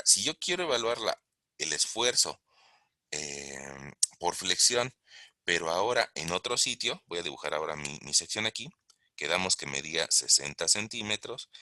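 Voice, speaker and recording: A man's voice: low-pitched, sharp tone, dry recording, clean studio sound. A man giving a recorded online engineering lesson, explaining step by step and asking the class questions. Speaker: engineering lecturer. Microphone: close mic while writing on a tablet.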